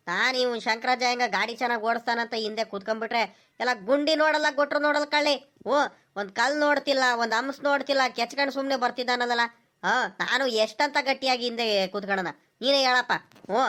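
Woman playing a fast-talking, complaining old village headman, cartoon. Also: on the high side, steady tone, fairly bright tone, lightly acted. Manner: complaining, exasperated. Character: grumbling older male village headman. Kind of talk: cartoon voice acting.

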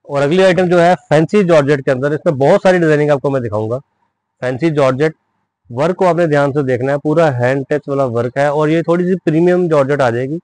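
A man giving an insistent teleshopping-style sales pitch as a wholesale seller showing his stock. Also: a little mellow, rough recording. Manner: insistent selling, repeating prices and urging orders. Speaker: wholesale ladies' suit seller presenting stock.

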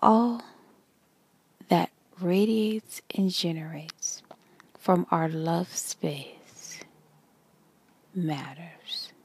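Slow whispering meditation guide, a woman. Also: on the low side, breathy edge. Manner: slow soft whispering, long pauses.

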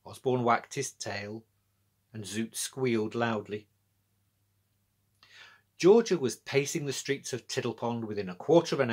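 A middle-aged British man tells a children's story as an author and storyteller, seated in a small indoor room with bookshelves. He speaks at a medium pitch with a breathy edge.

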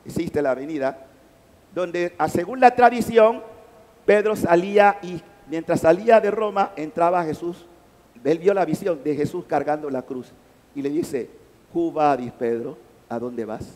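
A male priest with a Panamanian Spanish accent preaching a sermon in a large church, emphatic, with loudness that swells and drops. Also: high-pitched. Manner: emphatic, rising and falling loudness. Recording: long hall reverb.

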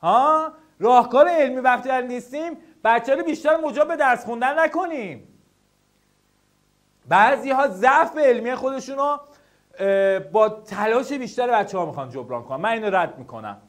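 A young man teaching students how to study, lecturing and speaking to them directly. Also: very high-pitched. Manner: animated, addresses students directly.

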